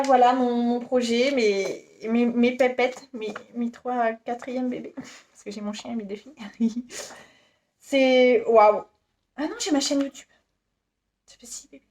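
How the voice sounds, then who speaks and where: A woman in her thirties presenting her work in a casual, giggly, self-deprecating vlog chat. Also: high-pitched. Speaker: YouTuber presenting her shop.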